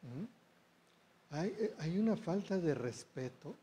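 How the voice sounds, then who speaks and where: Preacher guy, slow and mellow, keeps asking the church stuff as he goes. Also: a little high, very animated. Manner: slow, addresses the congregation with rhetorical questions. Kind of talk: sermon.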